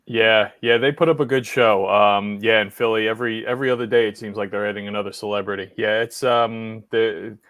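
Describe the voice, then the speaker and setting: A man joining a live-stream chat as a guest, relaxed and easygoing over a video call. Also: on the low side, a little fast, hardly any pauses, dry recording, clean studio sound.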